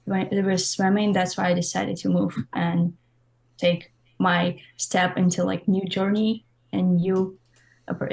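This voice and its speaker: A young adult woman from Russia, speaking with a Russian accent in a medium-pitched, darkish voice, answers interview questions as a college swimmer. Her replies are informal and loose, peppered with "like." The recording is rough.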